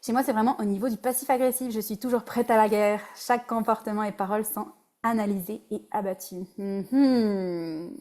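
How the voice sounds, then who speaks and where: A woman's voice: medium pitch, fairly even intonation, normal speed, dark tone. A woman with a Québécois French accent, a relationship coach giving a casual, conversational webinar presentation and dropping in English words.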